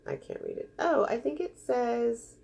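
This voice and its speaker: This beauty vlogger sounds congested as she casually unboxes makeup samples, gushing and chatting and getting let down easily. Her voice is slightly high and gravelly, warm with a breathy edge, swooping wildly in pitch at a somewhat slow pace.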